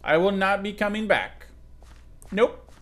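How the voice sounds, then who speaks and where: A man's voice: high voice, unhurried, fairly bright tone. A young man doing sarcastic let's play commentary, joking with the creatures in the game. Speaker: gaming commentator.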